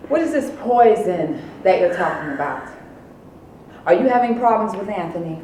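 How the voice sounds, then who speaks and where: An actress playing a middle-aged, controlling pastor's wife who scolds and shouts at her grown daughter. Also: medium pitch, animated, normal speed, distant mic, natural voice. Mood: startled. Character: controlling overbearing church first-lady mother. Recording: very echoey room, faint hiss.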